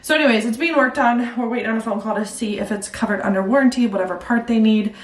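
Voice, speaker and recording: A woman's voice: on the high side, fast. A young woman vlogging at home, breathless, chatting casually and rambling, laughing at herself. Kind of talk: casual chat to camera. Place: at home indoors. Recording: roomy echo, mic at a distance.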